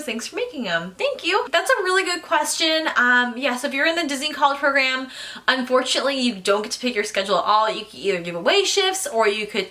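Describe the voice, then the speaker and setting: A woman's voice: medium pitch, pushed and bright. A woman, casually answering viewer questions in a chatty way, full of "um" and "like". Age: 20s. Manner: chatty, lots of fillers like "um" and "like". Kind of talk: casual Q&A talk to camera.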